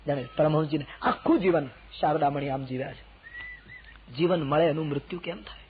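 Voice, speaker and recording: A man preaching a devotional sermon, telling stories and rising to emphatic points between quieter asides. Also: a little high, fairly quick. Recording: tinny lo-fi old recording with faint hiss.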